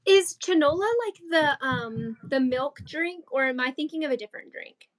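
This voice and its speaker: A woman's voice: sits high, lively intonation, moderate pace. A teenage girl co-hosting a crafting livestream, chatting casually and rambling with lots of fillers. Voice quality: chatty, rambling with many likes and ums. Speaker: co-host of a crochet livestream.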